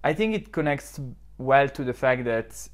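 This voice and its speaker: A man's voice: medium pitch, expressive, measured pace. A young man in his twenties from southern Switzerland, a startup founder answering reflectively in a podcast interview with lots of fillers, recorded on a lapel mic in an office lounge. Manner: reflective, many fillers and restarts. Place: modern office lounge, indoors.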